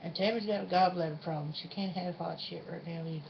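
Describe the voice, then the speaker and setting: Hosting a challenge video at home, in a room with a fridge, a woman chats casually with a partner, folksy and self-deprecating. Her voice is lowish, creaky, and steady in tone, and she talks fast. The recording has dull lo-fi sound and faint noise.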